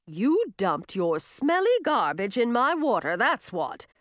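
A woman voicing a furious female river nymph who wails and shouts in outrage, for an audiobook. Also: on the high side, sing-song, slow, no echo, studio quality, voice pushed up. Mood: indignant. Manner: shouting, wailing, indignant. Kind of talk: audiobook character voice.

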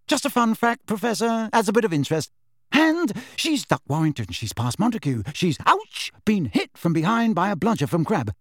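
A man voicing an excitable, cheeky young male sports commentator calling a match. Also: high voice, dry recording, clean studio sound, voice pushed up, full character voice. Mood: excited. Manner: fast, cheeky play-by-play.

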